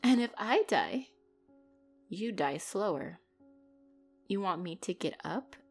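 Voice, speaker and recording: A woman performs a heavily acted, gravelly and husky mafia boss in a dramatic roleplay audio set over music. Speaking slowly with a wildly swinging pitch, she is commanding, possessive, and icily playful, her controlled condescension wrapping taunting threats in mock sweetness.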